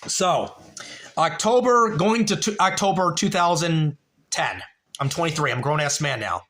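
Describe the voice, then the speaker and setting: A man's voice: a little high, animated, moderate pace, bright, forceful tone. A man in his late thirties hosting a livestream, telling a rambling, profane story and talking to chat viewers by name. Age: 30s. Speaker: livestream host.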